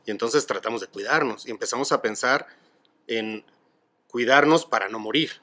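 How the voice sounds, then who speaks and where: A middle-aged man with a Mexican accent, a podcast guest who speaks calmly and reflectively about grief. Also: mid-range voice, normal speed. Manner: calm, explanatory, philosophical. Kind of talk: reflective conversation.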